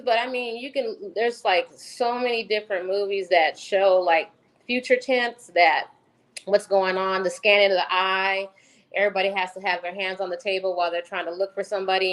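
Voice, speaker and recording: A woman's voice: medium pitch, fairly bright tone, low-quality recording. A woman co-hosting a casual talk show, emphatic and often repeating her point. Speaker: podcast co-host. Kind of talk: casual chat.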